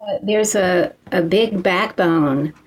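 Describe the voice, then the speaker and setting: A middle-aged poet from Kentucky with a low voice. She reads and talks at an unhurried pace, with deliberate pauses between phrases. Her answers come in a measured, thoughtful way. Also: slight background noise, low-quality recording. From Eastern Kentucky. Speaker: poet and interview guest. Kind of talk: poetry reading and interview.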